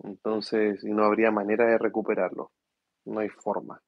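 A tired man, hosting a casual tech livestream from home and speaking softly so his sleeping kids don't wake. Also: on the low side, completely flat delivery, moderate pace, dry recording, narrow, tinny audio. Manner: speaks softly to avoid waking his children. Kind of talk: casual live chat reading viewer questions. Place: room at home at night.

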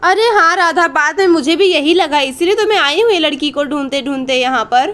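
A woman voicing a strict, quick-tempered village mother who talks in a defensive, scolding way. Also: sits high, fairly bright tone.

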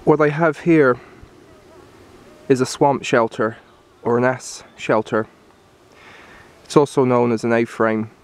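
A man giving a relaxed, explanatory walkthrough of his camp on a wooded hillside, recorded on a handheld camera. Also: mid-range voice, takes it slowly, long pauses. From Ireland. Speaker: bushcraft instructor. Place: hillside woodland outdoors.

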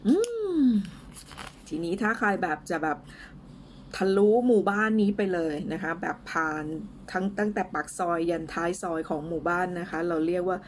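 A Thai woman teaching English in a casual lesson, speaking slowly and carefully as she drills pronunciation, with a few fillers. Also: fairly low pitch, steady tone, slight background noise.

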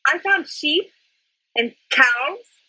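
Woman, high lively voice, bright, excitable, casual gameplay chat. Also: extremely slow, no room sound, poor audio. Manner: excitable, swoops up high in surprise. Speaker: co-op gameplay guest.

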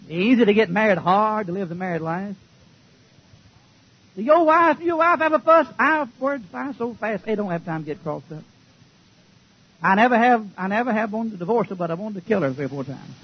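A preacher delivers a fiery, folksy sermon in a high, husky voice, trading jokes with the church and swinging from shouts to hushed asides. The old recording sounds dull and muffled. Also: male voice. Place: church before a congregation.

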